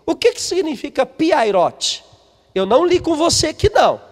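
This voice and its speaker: A man's voice: very high voice, very animated, normal speed, in a large hall. A man, a missionary preaching a sermon, reading from a book and putting questions to the congregation. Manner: emphatic, asks the congregation questions.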